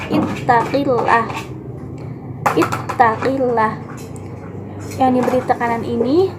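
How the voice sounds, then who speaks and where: Young female student presenter, high-pitched, explanatory, noisy room. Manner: explanatory, addresses classmates with fillers. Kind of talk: class presentation.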